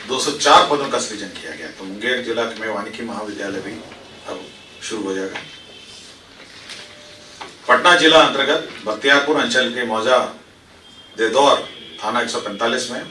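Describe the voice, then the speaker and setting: A man's voice: mid-range voice, bright, forceful tone. A man giving a formal press briefing as a government official, reading out decisions and explaining them, with English administrative terms mixed in. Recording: echoey room, distant mic, faint noise.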